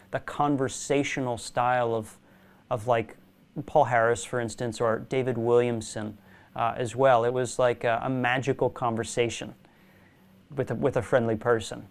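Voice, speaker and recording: A young man, a magician guest in a casual interview, telling animated stories and laughing often. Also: mid-range voice, clean tone. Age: young adult.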